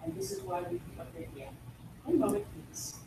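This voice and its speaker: A woman founder giving a business pitch and walking the audience through a live demo, explaining things step by step. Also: sing-song, fairly quick, background noise. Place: event room at a startup pitch night. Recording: echoey room from far off.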